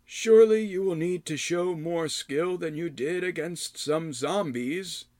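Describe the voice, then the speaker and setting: A man voicing a gaunt old male hermit who chides slowly in a high, quavering voice. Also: darkish tone, no room sound, natural voice. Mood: chiding. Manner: slow, drawn-out, high quavering delivery. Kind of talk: audiobook character voice.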